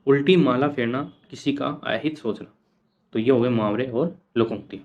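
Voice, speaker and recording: A man's voice: medium pitch, moderate pace, gravelly, narrow, tinny audio. A man teaching an exam coaching lesson, repeating each answer and asking the class questions that he answers himself. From India.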